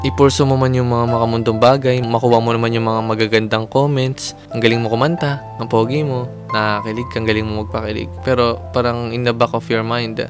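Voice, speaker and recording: A young Filipino man, a content creator and singer, telling a heartfelt personal story in casual Taglish on a video chat. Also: medium pitch. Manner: earnest, animated, speeds up and slows down with emotion. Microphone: streaming to a video chat. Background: music.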